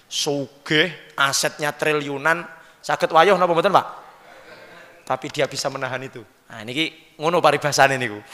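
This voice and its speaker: A man with a Javanese accent giving a lively sermon, often questioning his audience directly. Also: fairly high pitch. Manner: lively, questions the audience, mixes in local words. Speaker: preacher. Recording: long hall reverb.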